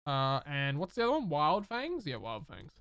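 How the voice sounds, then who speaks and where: Lively, chatty male game streamer. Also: on the high side, normal speed, clear, resonant tone, dry recording, studio quality. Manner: chatty, upbeat, talks to chat and game characters. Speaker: streamer playing a life-sim game. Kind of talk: casual live-stream commentary.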